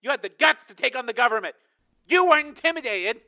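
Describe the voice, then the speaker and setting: A man's voice: very high voice, animated, fast talker, pushed and bright, pitched above the performer's own voice, exaggerated voice. A man voicing a desperate, urgent army sergeant on the run in an audiobook story. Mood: desperate, insistent. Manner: urgent, strained, commanding. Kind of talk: acted dialogue in audiobook narration.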